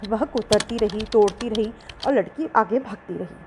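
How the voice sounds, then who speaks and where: A woman narrating a children's bedtime fairy tale in an expressive storytelling voice. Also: medium pitch, normal speed, noisy background.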